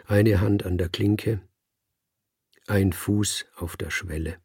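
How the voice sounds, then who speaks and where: Male audiobook narrator, low and gravelly, unhurried delivery. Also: fairly even intonation, a little mellow, no room sound, clean studio sound. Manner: slow, measured storytelling. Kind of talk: audiobook reading of a literary story.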